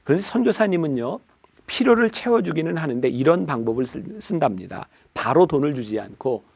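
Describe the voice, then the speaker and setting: A man's voice: a little high, very animated, a little fast, creaky, a little mellow, slightly rough, dry recording. A middle-aged male pastor preaching a sermon, talking straight to the congregation and telling illustrative stories. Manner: storytelling preacher, addresses the congregation directly.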